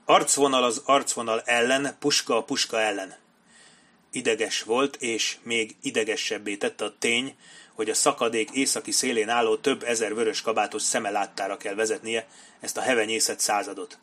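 Man narrating a war novel. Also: fairly low pitch. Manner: steady, measured storytelling. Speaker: audiobook narrator.

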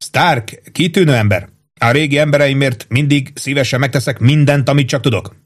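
A man's voice: mid-range voice, pitched above the performer's own voice, lightly acted. A man reading an audiobook, voicing a pompous, fussy middle-aged army captain with a raised, insistent, self-satisfied voice. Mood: bossy.

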